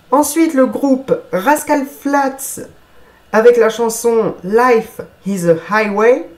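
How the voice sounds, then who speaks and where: A man presenting a film review from a script, reading carefully and correcting himself now and then. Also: extremely high pitch. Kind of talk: scripted narration.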